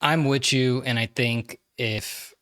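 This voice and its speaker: A man co-hosting a sports podcast in casual chat, with a halting, rambling delivery. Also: medium pitch, steady tone, a bit bright.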